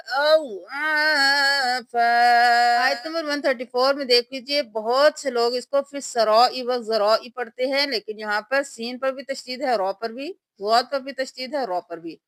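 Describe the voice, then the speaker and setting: Spelling out letters one by one and then reciting the word slowly and drawn out, a woman teaches Quran reading in a tajweed lesson. Her voice sits high, and the recording is dry.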